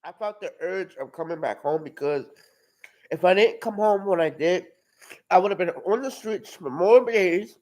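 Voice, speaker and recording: A man in his twenties giving a personal testimony, halting and often repeating and restarting his words. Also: high voice, expressive, a little mellow, poor audio. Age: 20s. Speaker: testimony speaker at a live-streamed outreach.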